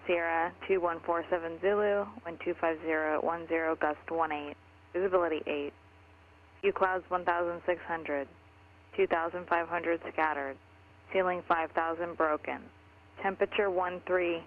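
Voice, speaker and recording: A man reading a recorded airport weather broadcast in a flat monotone, heard over an aircraft radio. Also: fairly high pitch. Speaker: automated airport information broadcast. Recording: tinny radio with faint noise.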